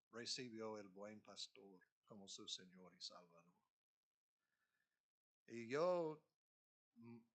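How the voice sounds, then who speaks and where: Male pastor, slow bright delivery, expressive conversational sermon. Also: fairly low pitch. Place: church sanctuary.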